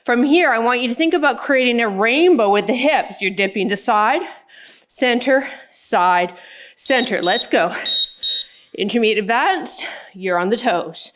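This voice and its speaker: A woman's voice: on the high side, animated, moderate pace, fairly bright tone. A woman fitness instructor coaching a workout, counting out moves and giving short, encouraging cues.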